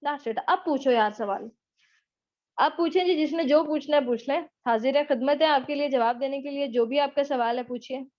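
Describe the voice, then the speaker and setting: A spoken English teacher, a high-pitched woman with a Pakistani accent, runs a live online class and answers questions. Chatty and at normal speed with a darkish tone, she teases and encourages students, dropping English phrases into her Urdu. The sound is dull and lo-fi, like a web session.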